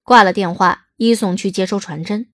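A woman's voice: mid-range voice, normal speed, no echo. A woman reading scripted narration as the narrator of a dramatised audiobook.

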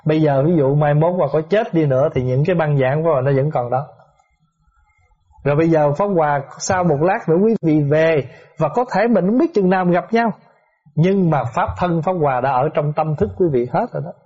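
Monk, middle-aged, patient teaching tone with rhetorical questions, pitch a touch high, dull recording. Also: male voice, brisk, dark tone, husky. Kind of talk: dharma talk answering questions.

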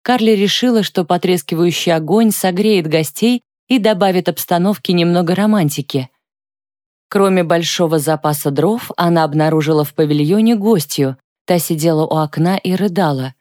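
A woman narrating an audiobook with a calm, even reading close to the microphone. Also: lowish voice, moderate pace, no echo. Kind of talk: scripted narration.

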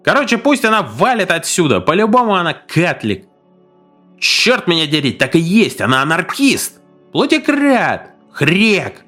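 A shrill brawling gang of crude thugs. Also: male voice, big pitch swings, unhurried, faint music behind, full character voice. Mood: jeering. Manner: yelling coarse insults. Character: rowdy crude young male gang of thugs.

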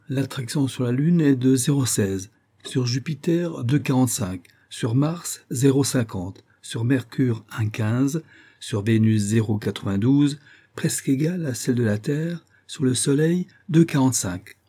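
Guy playing a grumpy old professor lecturing, every syllable hammered, raised pitch. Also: a little slow, warm tone, slightly rough. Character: cantankerous proud old male astronomer professor.

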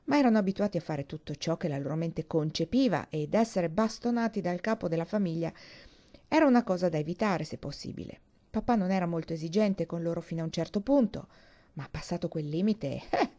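A woman's voice: fairly low pitch, dark tone. A woman reading a children's novel aloud, lifting her voice for the children's lines and dropping it for the narration. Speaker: audiobook reader. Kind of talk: audiobook narration with voiced characters.

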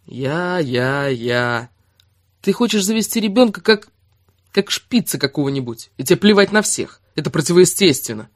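A man's voice: fairly high pitch, moderate pace, no echo, clean studio sound, close to an everyday voice. Man playing a blunt, scolding young man. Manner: blunt, scolding, sometimes cold and flat. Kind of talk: audiobook character reading.

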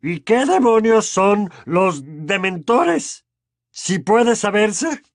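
A man voicing a blustering middle-aged uncle in an audiobook, with forced calm giving way to indignation. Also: sits high, slow, no room sound, studio quality, voice pushed up. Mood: indignant. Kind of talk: audiobook reading.

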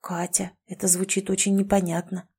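A woman's voice: mid-range voice, little pitch movement, moderate pace, mellow, husky. A woman reading the lines of a touchy young man trapped in a kitten's body in an audiobook, close to her own voice. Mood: grumpy. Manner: grumpy, condescending.

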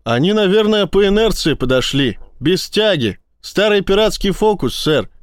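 A man's voice: high-pitched, sing-song, moderate pace, clean tone, no room sound, clean studio sound, pitched above the performer's own voice. A man doing a nervous, formal intelligence chief. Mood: defensive. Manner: formal, defensive, repeating "sir". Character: deferential male intelligence chief.

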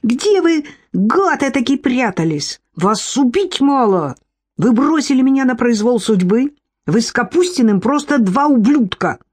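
A woman voicing an indignant young amateur sleuth who shouts shrilly in a rage. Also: fairly high pitch, big pitch swings, a little slow, breathy edge, pitched above the performer's own voice, exaggerated voice. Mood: furious.

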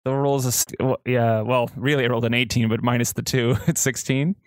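A man playing in a tabletop game, playful and quick to laugh. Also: mid-range voice, steady tone. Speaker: player.

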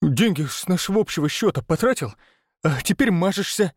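A man voicing a furious, hysterical business partner who yells at his associate in an audiobook. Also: on the high side, huge pitch swings, takes it slowly, no echo, clean studio sound, pitched above the performer's own voice, full character voice. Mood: indignant. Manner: yelling, hysterical. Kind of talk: audiobook narration.

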